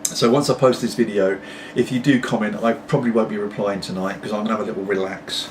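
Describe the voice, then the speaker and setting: Low-voiced British man chatting, pipe in mouth. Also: steady tone, quick pace. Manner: talking while puffing on a pipe; meandering, apologetic asides. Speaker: pipe-smoking video blogger. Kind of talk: casual rambling chat to camera. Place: at home. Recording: distant mic, clearly noisy background.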